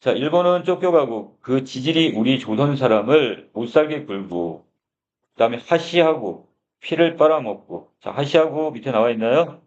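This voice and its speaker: A man teaches a class, reading a story and stopping to explain its phrases. He keeps asking his students questions and starts his sentences with a prompting word. His middle-pitched voice comes through a muffled, lo-fi recording. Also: animated, normal speed, darkish tone. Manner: explanatory, asks the class questions, begins lines with "자". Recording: dull lo-fi recording.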